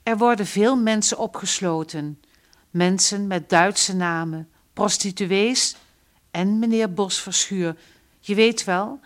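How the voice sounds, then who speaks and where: Woman reading as a soft-spoken older mother. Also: mid-range voice, lightly acted. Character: older mother, calm and firm.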